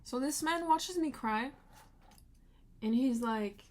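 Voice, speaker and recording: A woman with a slightly high voice talks at an unhurried pace, venting frustration. She tells a storytime vlog emotionally and swears freely along the way. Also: noisy background. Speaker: vlogger.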